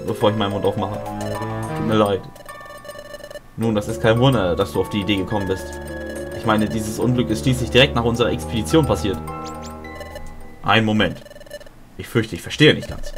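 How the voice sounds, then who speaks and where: A man playing a video game and reading all of its dialogue aloud, with small slips and restarts. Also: on the low side. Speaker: let's player.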